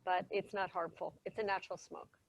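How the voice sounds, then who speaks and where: A woman with a lowish, creaky, fairly monotone voice speaks briskly as a cheese expert over a video call, giving a chatty, enthusiastic talk on cheesemaking and often fixing her own sentences partway through. The audio is poor, with a little hiss or hum.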